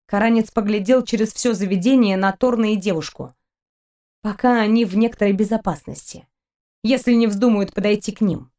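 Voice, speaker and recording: Audiobook narration: woman reader, steady storytelling. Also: medium pitch, a little fast. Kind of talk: scripted narration.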